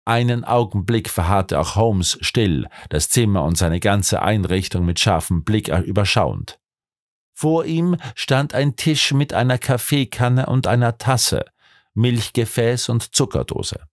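A man narrating a detective audiobook in an expressive storytelling manner. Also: lowish voice, a little slow, no echo, clean studio sound. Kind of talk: scripted narration.

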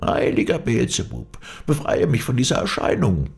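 A man's voice: mid-range voice, wildly swooping pitch, normal speed, vocal fry, pitched above the performer's own voice. A man voicing a scheming old witch in a storybook reading, with a screeching, pleading voice. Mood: panicked. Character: old hag Berberiska, scheming and shrill.

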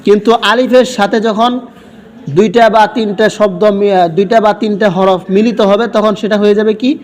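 A man teaching Quran reading, sounding out Arabic syllables and pausing for students to finish his sentences. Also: high voice, steady tone, a little mellow. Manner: asks questions and leaves the last word for students to finish.

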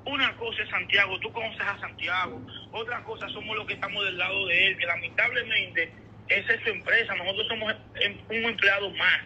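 Heard through a phone speaker, tinny and muffled, a Dominican caller chats casually, hesitating and repeating words as he explains himself. He speaks a little fast in a high, bright, forceful, steady voice, with slight background noise.

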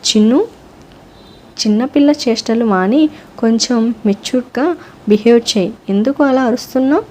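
A woman's voice: a little high, moderate pace, a little mellow, a little hiss or hum, natural voice. A woman voicing a stern mother scolding her daughter with reproachful questions.

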